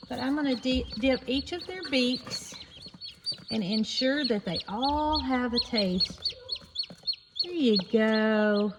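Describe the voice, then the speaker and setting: A woman's voice: fairly high pitch, slow. A woman giving a casual, folksy farm vlog, talking straight to viewers inside an echoing barn. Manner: folksy, addresses viewers directly. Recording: echoey barn, clear background noise, birds.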